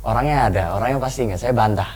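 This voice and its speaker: Young male guest, mellow dark tone, reflective, restarts often, faint background hiss. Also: mid-range voice, poor audio. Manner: earnest, reflective, halting with restarts. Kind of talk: personal storytelling in a talk show.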